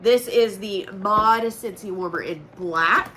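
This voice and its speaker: Speaking slowly in a medium, bright, forceful voice, an Oklahoma woman hosts an unboxing vlog from home. She's a chatty direct-sales consultant with allergy congestion and an upbeat, folksy manner. A noisy air conditioner runs in the room, and there's a little hiss or hum.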